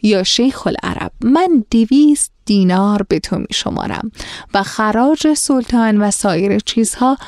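A woman reading as a gentle, dignified merchant. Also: medium pitch, expressive, close to an everyday voice. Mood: courteous. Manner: gentle and courteous. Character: dignified, kindly middle-aged merchant.

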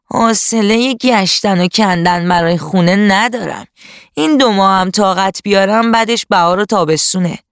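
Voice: mid-range voice, a bit bright, smooth, no echo, studio quality, lightly acted. A storyteller voicing a lazy, whining male jackal who fawns and begs in a children's radio story. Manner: whining, fawning, drawn-out pleading.

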